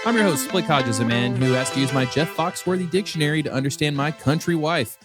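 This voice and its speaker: A man hosting a podcast, teasing his co-host with quick jokes in casual chat. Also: fairly high pitch, music in the background. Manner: joking, teasing, quick one-liners.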